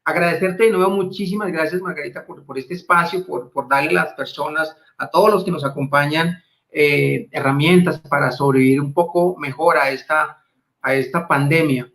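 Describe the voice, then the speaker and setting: A man's voice: fairly high pitch, moderate pace, creaky, fairly bright tone. A man hosting a live interview, reading out viewer questions with brief affirmations and some stumbling restarts. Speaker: host.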